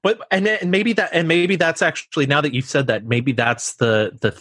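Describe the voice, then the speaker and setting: An American man in casual conversation about a film, thinking aloud with frequent restarts and lively rises in pitch. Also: moderate pace, no echo. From United States. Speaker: film discussion co-host.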